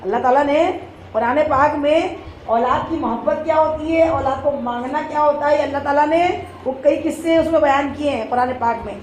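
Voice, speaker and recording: Female religious teacher from India, lecturing women, high voice, rhetorical questions, echoey room with faint hiss. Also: a little mellow. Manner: asks the audience rhetorical questions and answers them; repeats phrases for emphasis.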